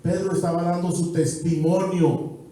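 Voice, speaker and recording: A male pastor with a Mexican accent preaching an evangelistic sermon, building through repeated phrases and falling back to quiet stretches. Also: high voice, steady tone, moderate pace. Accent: Mexican Spanish. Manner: rhythmic preaching with repeated phrases, swelling and dropping. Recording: very echoey church hall, mic far off.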